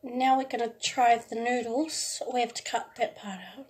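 A young adult woman chatting casually in short, halting remarks as she hosts a homemade food video at a table indoors. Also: a little high, level tone. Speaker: host of home food challenge video. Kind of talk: casual vlog chat while preparing and eating food. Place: indoors at a kitchen or dining table. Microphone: phone propped at arm's length. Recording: very noisy phone recording with clicks.

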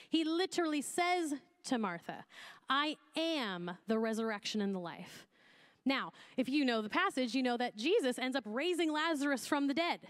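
Woman pastor, conversational sermon delivery with rising intensity, slightly high voice.

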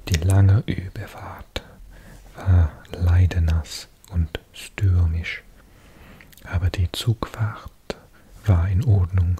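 A man whispering softly and unhurriedly as an ASMR host, reading aloud close to the mic. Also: low voice. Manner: soft, breathy ASMR whisper, slow and unhurried.

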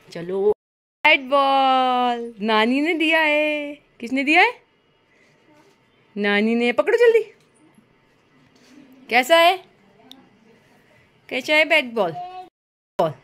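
A woman's voice: high-pitched, fairly bright tone. A young woman, a mother, playfully coaxing and teasing her toddler at home in baby talk, laughing often. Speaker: mother and family vlogger.

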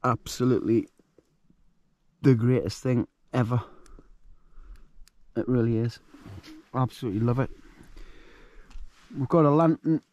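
A man's voice: mid-range voice, unhurried, long pauses, a little mellow, dry recording. A man chatting casually and joking as he cooks and shows gear at a wild camp outdoors at night. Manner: chatty, joking, rambling asides. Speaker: outdoor vlogger. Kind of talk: casual outdoor cooking vlog.

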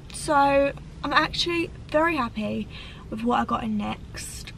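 A young woman chats animatedly to a dashboard camera in a parked car. Her voice sits high and bright as she gestures and lets out dramatic sighs. A faint hum of the car and the outside can be heard behind her. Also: rough recording. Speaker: vlogger. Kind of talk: casual chat to camera. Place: parked car on a rainy day.

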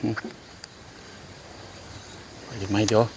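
A man with an Isan accent giving casual commentary as he fishes outdoors, breaking into loud excited exclamations. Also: takes it slowly. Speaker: fishing vlogger. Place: outdoors by natural water. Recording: outdoor insect noise. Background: crickets and insects.

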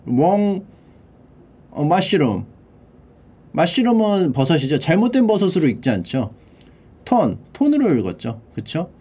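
A man with a darkish voice that sits high streams a casual vocabulary study, playfully sounding out English words and translating them. He drawls the words slowly and repeats them, muttering and swearing under his breath.

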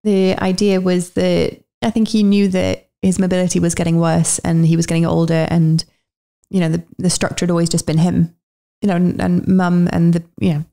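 A middle-aged woman talking in a relaxed, reflective way as an interview guest, laughing easily. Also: on the low side, fairly quick. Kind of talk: casual conversational interview.

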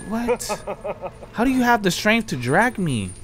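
A man's voice: high voice, big pitch swings, a little slow, a bit bright. A young man giving casual, reactive let's play commentary into a headset, full of exclamations. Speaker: gaming streamer. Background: video game sounds.

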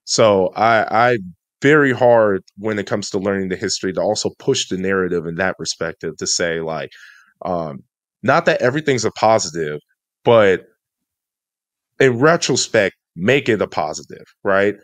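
Male podcast co-host, very deep voice, emphatic and motivational, dry close sound. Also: expressive, moderate pace, no echo. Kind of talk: casual podcast discussion. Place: studio.

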